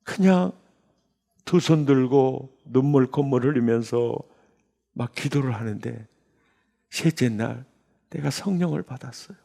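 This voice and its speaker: A man in his sixties, a pastor, telling his testimony in a sermon with emotional storytelling that jumps into high bursts. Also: measured pace, creaky, long pauses, mellow. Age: 60s. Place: church sanctuary.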